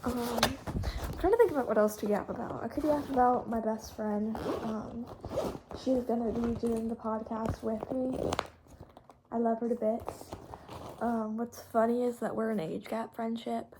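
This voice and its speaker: Against a noisy background, a teen from Texas, United States, hosts a podcast at a measured pace in a fairly high, steady voice. She rambles informally in a youthful, casual way while coloring, and the scratching of pencil and marker on paper comes through.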